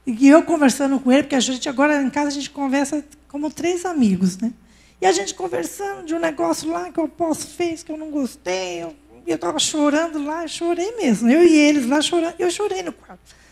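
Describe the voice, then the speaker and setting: A woman's voice: high voice, fairly quick, vocal fry, darkish tone. A middle-aged woman with a Brazilian Portuguese accent preaching at a women's church service, conversational and full of personal stories. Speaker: pastor's wife preaching.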